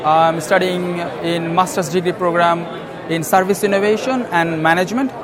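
High-pitched guy from bangladesh, lots of uhs, busy crowd behind him. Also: steady tone, moderate pace. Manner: hesitant, many filler sounds. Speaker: interviewee, master's student. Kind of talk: casual interview answers.

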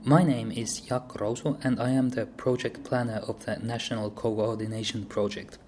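Male podcast host, measured delivery, hesitant fillers on questions, mid-pitched voice. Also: fairly even intonation, a little mellow, slight background noise. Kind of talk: scripted intro, then interview questions.

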